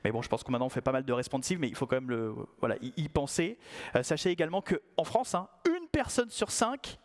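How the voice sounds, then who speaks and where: A man's voice: medium pitch, expressive, fast. A man giving a conference talk in a playful, ironic, conversational way. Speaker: conference speaker.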